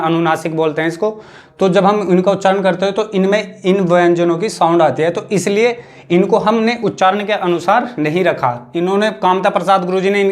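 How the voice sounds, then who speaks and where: A man with a fairly high voice lectures as a Hindi teacher, in a western Uttar Pradesh accent. He explains patiently, slowing down and repeating each key term so students catch it. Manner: explanatory, repeats key terms, slows for emphasis. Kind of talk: classroom lecture.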